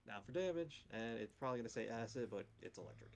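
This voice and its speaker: A man's voice: mid-range voice, lively intonation, fast. A man playing in a tabletop game, chatting casually about his moves. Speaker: player.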